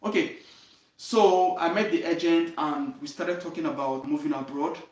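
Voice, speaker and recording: A man's voice: fairly high pitch, steady tone, moderate pace, a little mellow. A young Nigerian man with a Nigerian accent, hosting his channel and earnestly telling his life story, often checking in with "you understand?". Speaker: channel host. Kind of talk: direct-to-camera life story talk. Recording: roomy echo, voice from a distance.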